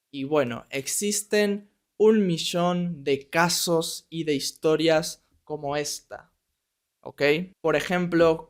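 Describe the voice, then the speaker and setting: A man's voice: on the high side, clean tone. A young man from Argentina teaching Spanish in a podcast, speaking in a neutral accent and checking in with listeners as he goes. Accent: neutral Latin American Spanish. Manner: speaks slowly and deliberately, checks in with "¿ok?". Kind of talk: podcast lesson, slow clear speech for learners.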